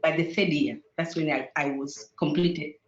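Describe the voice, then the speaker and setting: A Tanzanian woman whose first language is Sukuma joins an online panel as a guest, her deep voice steady and her speed normal. Her speech is hesitant, full of fillers and restarts. The video call audio sounds roomy and dull.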